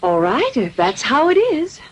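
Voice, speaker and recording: A woman voicing a gentle, motherly fairy who soothes and mildly scolds a puppet boy in a cartoon. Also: high-pitched, huge pitch swings, unhurried, background noise, full character voice.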